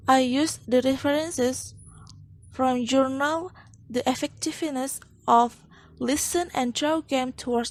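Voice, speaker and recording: A young woman with an Indonesian accent, slowly and carefully reading a student class presentation, restarting words now and then. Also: high-pitched. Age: young adult.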